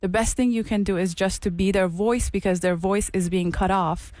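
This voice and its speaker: A woman's voice: mid-range voice, steady tone, normal speed, darkish tone, no echo. A woman speaking earnestly as an activist guest in a radio interview, repeating phrases for emphasis. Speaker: interview guest, mental health clinician and activist. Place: radio studio.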